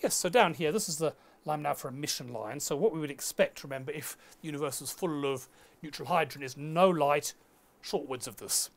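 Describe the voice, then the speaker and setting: A middle-aged astronomy lecturer explains science step by step in a conversational lecture shaped as a two-person dialogue. His voice is slightly high, gravelly and a touch fast.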